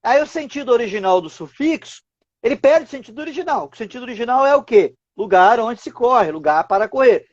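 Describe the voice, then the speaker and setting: A man's voice: very high-pitched, lively intonation, brisk, dry recording, highs cut off. A man, a writer and teacher, explaining word origins as a guest on a live stream, posing rhetorical questions as he goes. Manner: didactic, asks rhetorical questions.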